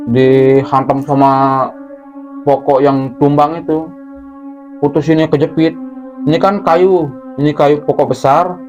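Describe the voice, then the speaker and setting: A man's voice: fairly high pitch, a little slow, long pauses. A man telling a true horror story in casual talk, acting out screams and crashing sounds. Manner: animated, acts out screams and sounds. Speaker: guest storyteller. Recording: muffled audio with music underneath.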